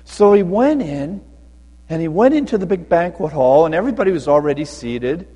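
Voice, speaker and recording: Animated man telling a story in church. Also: fairly high pitch, a little fast, slightly rough. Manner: animated, playful, laughing. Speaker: storyteller at a children's sermon. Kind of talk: children's sermon storytelling. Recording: long church reverb.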